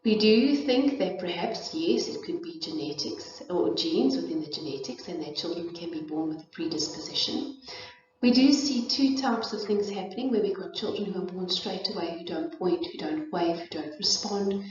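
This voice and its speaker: A woman's voice: lowish voice, expressive, normal speed, darkish tone. A middle-aged woman with a South African accent gives an informal educational talk, speaking thoughtfully with frequent fillers and restarts. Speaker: presenter of a parenting and child development talk. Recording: echoey, distant, dull room recording.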